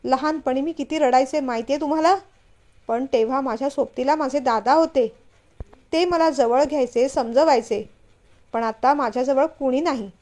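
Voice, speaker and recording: A woman's voice: sits high, moderate pace, darkish tone, natural voice. A woman reading a story, voicing a stubborn, frightened young wife who whines and refuses. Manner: whiny, stubborn.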